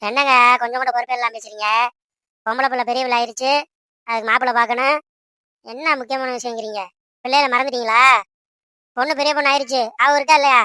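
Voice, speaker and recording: A woman voicing a bright, scolding cartoon mother. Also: high-pitched, fairly even intonation, clear, resonant tone, no echo, clean studio sound. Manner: nagging, quick scolding. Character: bossy scolding mother of grown children. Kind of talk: Tamil cartoon voice acting.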